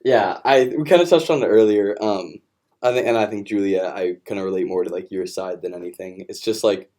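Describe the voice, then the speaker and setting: A man's voice: lowish voice, a little fast. A young man, a college senior athlete, chatting casually on a podcast and rambling with fillers. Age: young adult. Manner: relaxed, rambling with "um" and "like". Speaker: student-athlete.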